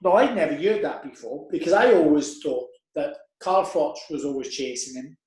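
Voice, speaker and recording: Male podcast host, lively anecdotal storyteller, a touch high, echoey room sound. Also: normal speed. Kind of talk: casual chat. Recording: roomy echo.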